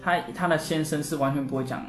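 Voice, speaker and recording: A woman's voice: low-pitched, quick pace, echoey room, soft background music. A woman with a Taiwanese Mandarin accent chatting casually as a podcast host.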